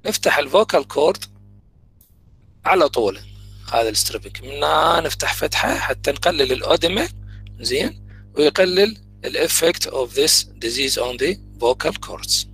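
A man with an Iraqi Arabic accent giving a medical lecture, mixing Arabic speech with slowly spoken English medical terms. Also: a little high, animated, vocal fry, a bit bright, faint music behind, poor audio. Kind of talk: university lecture.

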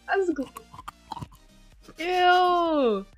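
A woman's voice: very high-pitched, expressive, drawn-out words, faint music behind. A woman streamer chatting and teasing her teammates while gaming, laughing often. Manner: giggly, teasing. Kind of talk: casual gaming chat.

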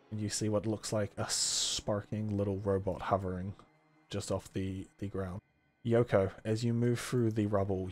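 A man acting as game master, slowly narrating a post-apocalyptic tabletop scene with descriptive, scene-setting delivery. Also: fairly low pitch, a little mellow.

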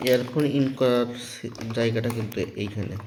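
A product demonstrator with a Bangladeshi accent walks through an informal hands-on tutorial step by step, repeating himself and often checking that listeners are following. His mid-range voice is a little mellow, brisk, and fairly even in intonation. Background noise is noticeable, along with small clicks.

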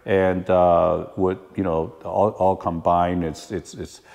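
Deep-voiced man, halting, garage echo. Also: flat delivery, vocal fry, a little mellow. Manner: halting, many fillers and repeated words. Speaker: car collector showing his collection. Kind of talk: casual walkthrough chat. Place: large garage. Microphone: lapel mic. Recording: long reverb of a large garage.

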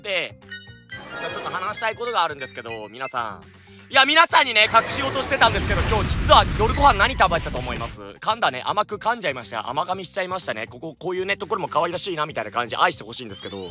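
High, lively man. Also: racing, over music. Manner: energetic, jokey, loud outbursts. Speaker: gaming YouTuber. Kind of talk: let's-play commentary.

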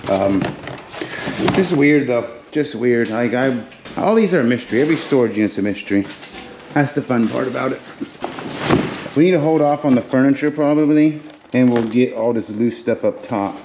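A man's voice: medium pitch, expressive, moderate pace, background noise. A man casually narrating a storage unit dig as he goes through boxes, chatty and joking, talking to his camera. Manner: chatty, joking, thinking aloud. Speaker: storage auction reseller. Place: metal storage container, indoors.

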